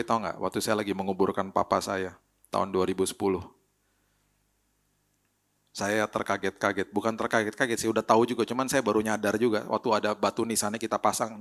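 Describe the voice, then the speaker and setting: Indonesian pastor telling stories in a sermon. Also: male voice, on the low side. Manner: lively storytelling with acted quotes, mixes in English phrases.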